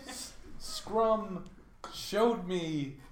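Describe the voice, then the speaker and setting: A man in casual chat, wry and quick to laugh. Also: high voice, animated, echoey room.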